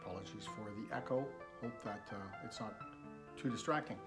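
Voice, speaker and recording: A man's voice: on the low side, a little fast, music in the background. Man reading aloud, fireside storytelling. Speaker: book editor and reader. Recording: echoey room.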